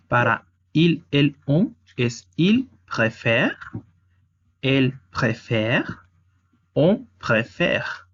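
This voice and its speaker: Guy going slow thru french verb conjugations, kinda dull lo-fi sound. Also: medium pitch, fairly bright tone. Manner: slow, explanatory, with restarts. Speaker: French teacher. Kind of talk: slide-based language lesson. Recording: dull lo-fi audio.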